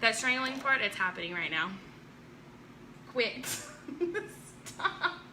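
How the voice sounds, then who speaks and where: A woman's voice: on the high side, expressive, takes it slowly, noisy background. A woman hosting a casual craft live stream at home, chatting with viewers and joking and laughing a lot. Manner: joking, teasing, laughs often. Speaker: live-stream host demonstrating chalk crafts.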